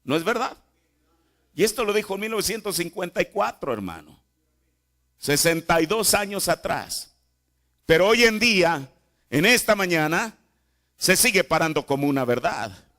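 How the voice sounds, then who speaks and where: A man's voice: sits high, animated, moderate pace, long pauses, bright, forceful tone. A man preaching a sermon in a church, repeating phrases and asking the congregation rhetorical questions. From Mexico. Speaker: pastor.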